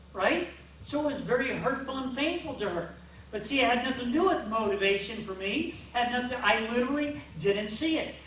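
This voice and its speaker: A man coaching a group of men, telling stories in an animated way that keeps restarting. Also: very high voice, slight background noise. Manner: storytelling, animated and repetitive, with restarts. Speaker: men's coach. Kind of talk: church coaching talk to men. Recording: echoey hall from far off.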